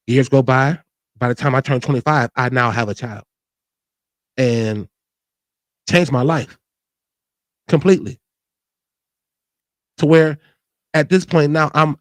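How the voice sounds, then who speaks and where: A mid-range male voice, recorded dry, comes from a show host in his forties. He reflects candidly and earnestly on his life, repeatedly restarting sentences and adding "you know what I mean."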